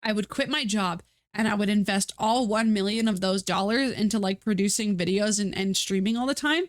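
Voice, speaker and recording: A woman with a stuffy nose chats casually on a live stream from home, her mid-pitched voice slightly congested and her pace brisk. She rambles, restarts, and fills the talk with fillers and self-mocking asides. The recording is close and dry, with no room echo.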